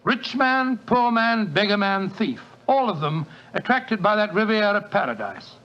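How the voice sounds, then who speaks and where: Doctor Watson, hearty old doctor. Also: male voice, high-pitched, lively intonation, measured pace, fairly bright tone. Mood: storytelling. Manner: bluff, hearty, old-fashioned. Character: genial elderly male doctor narrator, Doctor Watson. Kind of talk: 1940s radio acting. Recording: dull lo-fi 1940s radio recording.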